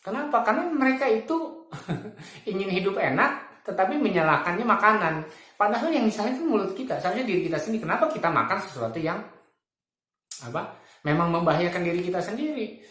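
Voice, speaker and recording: A man's voice: high-pitched, animated, fast, fairly bright tone. Chuckling man in his fifties, roomy echo. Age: 50s. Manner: colloquial, chuckles often while making points. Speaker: speaker giving spiritual reflections. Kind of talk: casual reflective talk.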